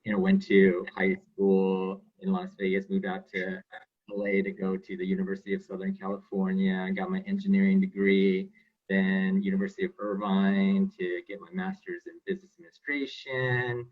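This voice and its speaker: Very low-voiced, husky man from Thailand. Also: level tone, moderate pace, narrow, tinny audio. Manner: friendly, self-introducing. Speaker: panel speaker, former mayor.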